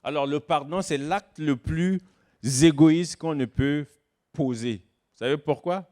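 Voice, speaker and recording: A man preaches a sermon to an online congregation. His delivery rises into slow, stressed phrases and then falls away into quiet, low remarks. He is mid-pitched and speaks in a measured way. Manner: dynamic preaching, swings from loud emphasis to soft low asides. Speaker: guest pastor. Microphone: online church service recording.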